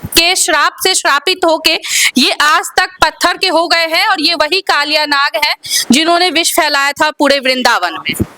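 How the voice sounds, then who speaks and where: Very high bright woman reporter. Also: moderate pace. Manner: emphatic, repeats key claims to camera. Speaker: journalist presenter. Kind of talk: on-site reporter vlog.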